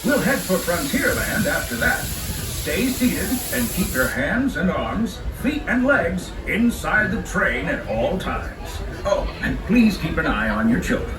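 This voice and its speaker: A man's voice: very animated, a little slow. A man playing a folksy, cheerful, neighborly railroad guide, giving a courteous scripted theme park ride spiel. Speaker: recorded train tour narrator. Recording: echoey distant park speaker, loud train noise. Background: train rumble and ride ambience.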